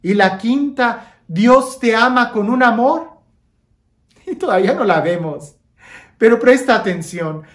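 Slow, echoey woman preacher. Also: fairly low pitch. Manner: slow, dramatic, drops to near-whisper on key phrases; asks listeners rhetorical questions, leads breathing prayer. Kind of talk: Lenten mission sermon.

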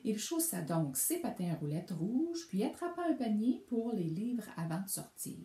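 A woman reads a children's storybook aloud, her voice rising and falling in lively, animated arcs. The reading is expressive throughout. The sound rings around an echoey room. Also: medium pitch, moderate pace. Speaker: reader.

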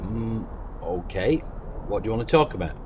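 A man's voice: lowish voice, animated, normal speed, lo-fi sound, background noise. A man who leads a church, playing himself in a comedy skit, talking casually with mild exasperation. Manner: casual, mildly exasperated, calls everyone mate. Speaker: senior church leader.

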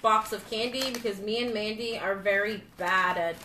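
A woman's voice: medium pitch, fairly even intonation, moderate pace, recorded from a distance. A young woman hosting a casual live candy review, talking bluntly and swearing freely. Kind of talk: casual live-stream chat. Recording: echoey room, a bit off-mic, faint noise.

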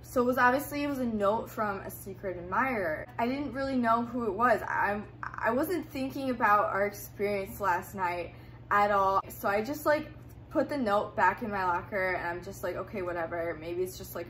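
A woman's voice: medium pitch, moderate pace, a bit bright, a little hiss or hum. A young woman telling a personal story in a casual, chatty way, full of fillers. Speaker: YouTuber.

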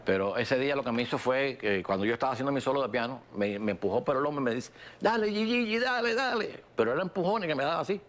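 A pianist telling animated stories in a documentary interview, acting out dialogue. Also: male voice, medium pitch, racing, few pauses. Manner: animated storyteller, acts out dialogue.

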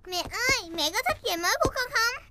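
A performer voicing a cheerful, bossy, chatty little girl pig with a squeaky childlike voice in a dubbed preschool cartoon. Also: expressive, fast talker, bright, forceful tone, a little hiss or hum, heavily acted. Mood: delighted, proud. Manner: exclaiming, giggly, sing-song.

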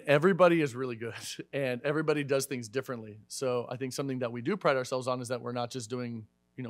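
A man in his thirties speaks quickly at a post-match press conference, leaning on fillers and restarts. His voice is close and dry at the desk mic, mid-pitched and easygoing. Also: no room sound. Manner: fast, conversational, many fillers and restarts. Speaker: head volleyball coach. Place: media room in front of a sponsor backdrop. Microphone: desk microphone.

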